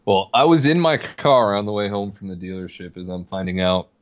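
A man's voice: fairly low pitch, steady tone, a little fast. Rambling male podcast co-host, slightly dull sound. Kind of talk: casual sports podcast chat.

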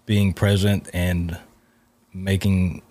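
Man, deep low voice, reflective, casual podcast chat, comedy guest. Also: level tone, slow, a little mellow. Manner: reflective, searching for words.

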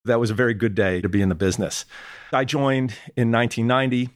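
A man's voice: mid-range voice, fast talker, no echo, studio quality. A middle-aged or older man giving conversational answers as an executive guest in an interview.

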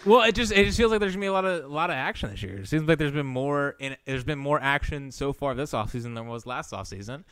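A man's voice: mid-range voice, fast, few pauses, a bit bright, clear, resonant tone, no echo. A man chatting casually as a sports talk podcast host, with a teasing, needling way of talking.

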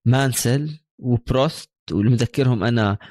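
A man, co-hosting a casual sports chat, who cuts in briskly and keeps the show on track. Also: medium pitch, darkish tone, no echo, clean studio sound. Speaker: podcast co-host.

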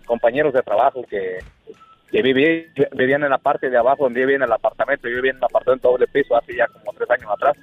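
A man's voice: medium pitch, quick pace, slightly rough, faint music behind. A man calling in to a radio show, rambling through a personal story and repeating himself as he tells it. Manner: rambling, repeats "le digo" and "Diva". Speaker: radio caller. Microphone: phone. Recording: tinny phone line.

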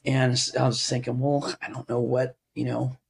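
Man, interview guest, mid pitch, rambles and restarts, lively when quoting others. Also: moderate pace, vocal fry, slightly rough. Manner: rambling, with many restarts and asides. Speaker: interview guest, amp builder. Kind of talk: casual storytelling interview.

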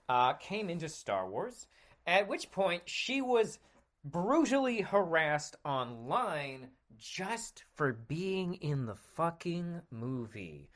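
A man's voice: fairly high pitch, fairly bright tone. Sarcastic man in his thirties. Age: 30s. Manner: sarcastic, frequent throat clearing. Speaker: podcast host. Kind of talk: casual monologue.

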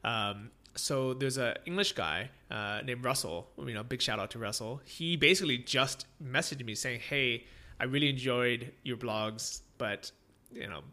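A man's voice: mid-range voice, measured pace, bright, forceful tone. An American man hosting a casual interview, talking in a rambling way with many fillers and frequent laughs. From United States. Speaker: podcast host.

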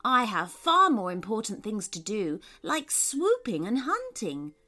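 A self-important owl, scoffing and impatient, drawing out her words with slow disdain, as a woman puts her on. A bedtime storybook creature with lively swings in her voice. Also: mid-range voice, full character voice. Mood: haughty. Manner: haughty, impatient. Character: proud, dismissive female owl.

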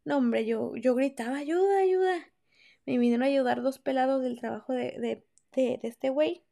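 High, gravelly Mexican woman podcaster. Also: level tone, brisk, dark tone. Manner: candid, slangy and profane, acts out quoted lines. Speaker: podcast host. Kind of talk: casual storytelling chat.

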